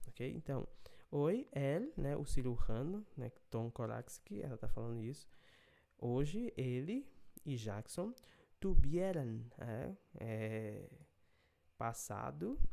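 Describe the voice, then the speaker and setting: A man's voice: mid-range voice, gravelly, mellow. A man teaching a video lesson, explaining a drama clip and checking in often with short tag questions. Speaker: language teacher.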